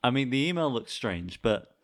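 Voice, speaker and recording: A man co-hosting a travel podcast, chatting casually with wry, deadpan sarcasm. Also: mid-range voice, normal speed. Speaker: podcast co-host. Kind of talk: casual chat.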